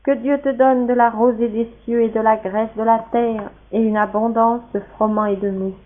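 A woman reading the part of an old blind father in a scripture reading, in a solemn, measured way. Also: a little high, steady tone, lightly acted. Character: Isaac, old blind father blessing his son. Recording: tinny phone-like sound.

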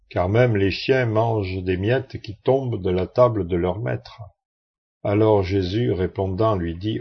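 A man with a husky voice reading a Bible passage aloud in a solemn way. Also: fairly low pitch. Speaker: scripture reader. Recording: muffled lo-fi recording.

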